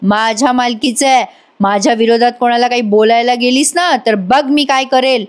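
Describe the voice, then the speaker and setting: Lady putting on a mean scheming aunt from a tv serial recap, bossy and menacing, slightly high voice. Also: moderate pace, natural voice. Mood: threatening. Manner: menacing, bullying. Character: scheming threatening middle-aged aunt, domineering villain.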